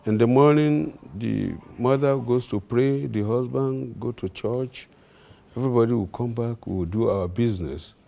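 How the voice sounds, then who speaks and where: A Nigerian traditional ruler answers interview questions haltingly, with many fillers. His medium-pitched voice is mellow, with vocal fry.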